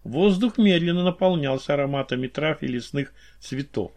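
A man narrates an audiobook in a calm, descriptive reading. His voice sits somewhat high for a man. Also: normal speed. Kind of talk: scripted narration.

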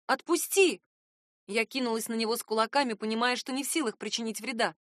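A woman's voice: on the high side, steady tone, racing, fairly bright tone, dry recording, clean studio sound. A woman narrating a first-person audiobook in a tense, dramatic reading.

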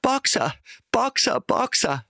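A man's voice: very high voice, sing-song, slow, creaky, sharp tone, no room sound, clean studio sound, voice pushed up, exaggerated voice. A man doing a desperate motherly mare. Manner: desperate crying out.

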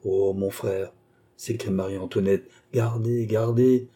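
A man reading an audiobook voicing a proud young queen with quick, imperious replies. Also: on the low side, fairly even intonation, dark tone, slightly rough. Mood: lively.

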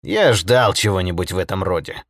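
A cold, composed male leader speaks in measured, low tones, read by a man narrating the story. His calm carries quiet certainty. The sound is dry and close. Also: no room sound.

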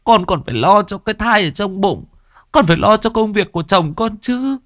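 A man's voice: high voice, expressive, normal speed, a bit bright, no room sound, studio quality, pitched above the performer's own voice. A man voicing an old mother who tearfully implores her grieving daughter. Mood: imploring.

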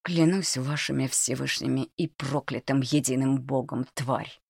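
A woman voicing a tough orphan boy in a storybook, barking threats in a menacing, low voice close to her own. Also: steady tone, measured pace, gravelly, a little mellow, slightly rough, no echo, heavily acted.

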